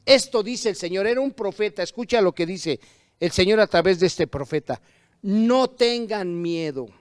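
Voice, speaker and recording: A man's voice: high voice, lively intonation, brisk. A man preaching a sermon as pastor, reading scripture aloud and pressing his points with emphatic rhetorical questions. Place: church service streamed online.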